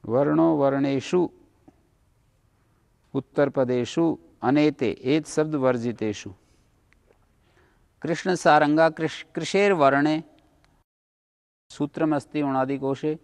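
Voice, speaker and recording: Guy teaching sanskrit grammar, gravelly voice, dry close sound. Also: on the high side, slow, long pauses, darkish tone, no echo. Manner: explains rule by rule, checks understanding. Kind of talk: classroom lecture.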